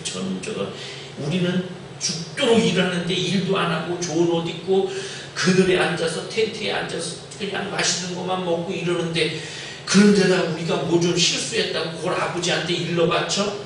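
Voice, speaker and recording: A man's voice: high voice, normal speed, recorded from a distance, slight background noise, natural voice. A man voicing a group of resentful older brothers who grumble bitterly, recorded from afar in an echoey hall. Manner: bitter, complaining.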